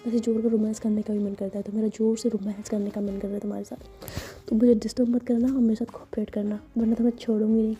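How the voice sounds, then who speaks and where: A woman's voice: fairly high pitch, level tone, fast, dark tone, soft background music, close to an everyday voice. Woman voicing Simran, bossy young woman. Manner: bossy, mock-threatening. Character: pushy young woman, impatient and demanding.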